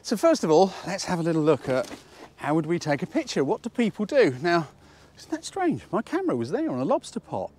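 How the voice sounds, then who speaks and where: A British man in his fifties with a squeaky voice from a cold, chatting casually and jokily as he teaches outdoors, often asking rhetorical questions. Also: very animated, brisk, a little mellow. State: has a cold. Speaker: photography instructor and presenter. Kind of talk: casual instructional talk to camera. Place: outdoors at a waterside harbour slipway.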